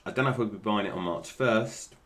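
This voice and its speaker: Deep-voiced British man with toothless diction. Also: fairly quick, fairly bright tone. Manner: toothless, slightly slurred articulation with stumbles over names. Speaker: toy review host. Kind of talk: casual unscripted product commentary.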